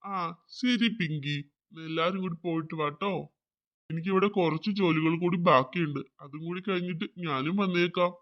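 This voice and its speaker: Cast note: performer doing a kind old cartoon Santa, gentle, fatherly, mid-pitched, dull recording. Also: normal speed, close to an everyday voice. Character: kindly old male Santa Claus.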